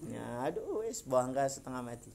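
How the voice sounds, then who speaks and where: A man preaching with a Javanese accent, his pitch leaping around as he jokes and acts out small exchanges. The sound rings with echo from the open space around him. It feels like an informal religious talk. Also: big pitch swings, normal speed, vocal fry, crowd noise. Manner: jokey, acts out little dialogues, laughs often. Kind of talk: relaxed Quran study talk to an elderly group. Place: outdoor park gathering.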